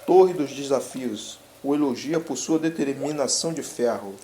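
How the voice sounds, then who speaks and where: Uma tela de sistema formal e impessoal, lida por um homem, anunciando regras com tom de comunicado. A voz masculina é de altura média. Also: male voice, medium pitch, normal speed, dark tone, a little hiss or hum, close to an everyday voice. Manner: formal, announcing. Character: formal system screen announcing a tower trial.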